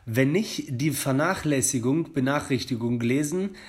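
Speaking at a measured pace in a mid-range voice, a young podcast host jokingly reads out a scam email with mock formality on his casual show, recorded through a studio microphone.

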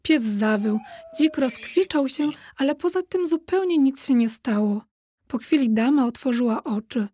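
Lively woman reading a children's story. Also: high-pitched, normal speed, no echo, studio quality. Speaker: audiobook narrator. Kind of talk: children's audiobook narration.

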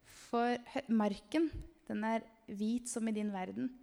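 A woman giving an animated, emphatic testimony sermon about a vision, sometimes calling out loudly to the listeners. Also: a little high, gravelly. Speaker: speaker sharing a vision. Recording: long hall reverb.

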